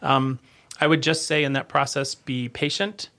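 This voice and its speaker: A man giving a conversational podcast interview as an agency leader, earnest and halting, often rephrasing as he goes. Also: mid-range voice, steady tone, pushed and bright.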